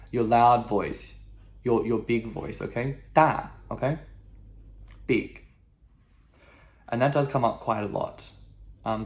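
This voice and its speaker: A man leads a video language lesson at an unhurried, deliberate pace. His voice sits at a middle pitch as he repeats each word patiently and checks in with "okay?" after nearly every phrase. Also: vocal fry, a little mellow. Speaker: language teacher.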